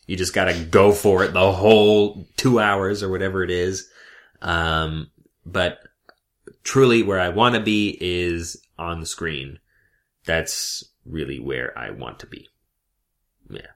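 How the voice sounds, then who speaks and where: A young man, an actor, chatting casually and rambling about his work with frequent laughs. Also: deep voice. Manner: relaxed, rambling, laughs often. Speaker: actor guest. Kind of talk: casual chat.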